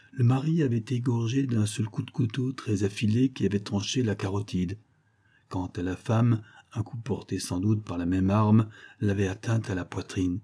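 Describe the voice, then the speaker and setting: A man narrates a literary text in measured phrases. His voice is low, dark and mellow, with a husky edge. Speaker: audiobook narrator.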